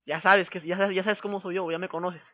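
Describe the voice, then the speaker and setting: Over a very muffled telephone call, a prank caller with a notably high voice and northern Mexican accent talks quickly in heavy street slang, with a flat delivery. He comes across pushy and menacing, repeating his phrases as he goes.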